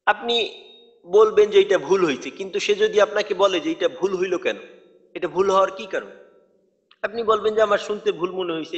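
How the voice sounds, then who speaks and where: High-voiced man teaching letter sounds. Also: a bit bright, big-room sound, muffled recording. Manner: patient, repeats letter sounds to demonstrate pronunciation. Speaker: tajweed teacher. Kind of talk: recorded online lecture.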